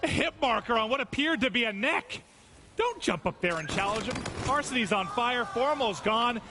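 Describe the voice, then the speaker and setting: A man doing excitable, exclamatory play-by-play commentary as an esports caster. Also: very high-pitched, normal speed. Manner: excitable, exclamatory, playful banter. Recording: noisy event ambience behind voice.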